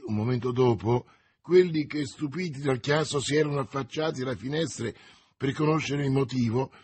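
A man narrating an audiobook in a measured storytelling manner. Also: medium pitch, slightly rough. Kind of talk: scripted narration.

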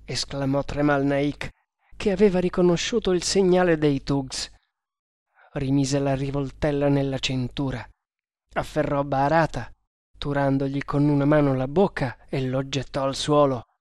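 A reader narrating an adventure novel in a measured, even storytelling manner. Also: medium pitch, dry recording, clean studio sound. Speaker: audiobook narrator.

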